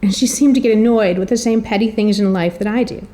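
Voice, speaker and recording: Speaking quickly in a dark-toned, mid-range voice, this middle-aged woman gives a prepared introductory speech. She weaves in stories with a wry, articulate and somewhat theatrical style.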